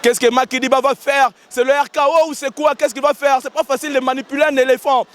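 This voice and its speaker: A man with a hoarse voice, giving live, excitable commentary at an outdoor wrestling gala and often repeating his lines. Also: very high voice, fast. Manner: excitable, shouting, repeating phrases. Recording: outdoor event with loud crowd and music.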